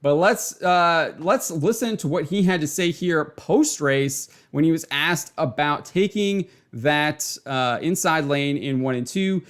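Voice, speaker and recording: A man hosting a casual race recap video. He talks excitably, chuckles often and repeats words. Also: on the high side, measured pace, hardly any pauses. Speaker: racing video host.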